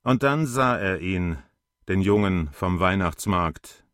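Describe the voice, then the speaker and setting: A man narrating a literary short story in a calm, measured reading. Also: low-pitched, no echo, studio quality.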